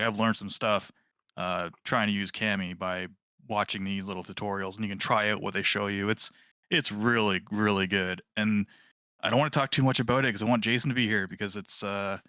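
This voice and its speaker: Bright, clear-voiced man on a podcast. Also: fairly low pitch, no echo, studio quality. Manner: rambling, self-correcting, laughs at himself. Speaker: podcast co-host. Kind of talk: casual gaming podcast chat.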